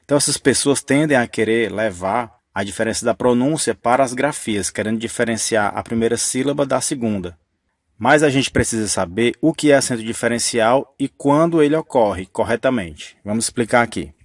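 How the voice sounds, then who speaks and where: A man's voice: medium pitch, a little fast, dry recording, clean studio sound. A man teaching a grammar lesson in a patient, methodical way, restating each rule and checking in with the listener. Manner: patient, methodical, repeats key rules.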